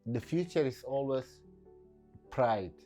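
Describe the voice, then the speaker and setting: Guy, painter, doc interview, warm low-key voice, thinks out loud w lots of uh and you know. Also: expressive, soft background music. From Sudan. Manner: reflective, halting with many fillers. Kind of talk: documentary interview.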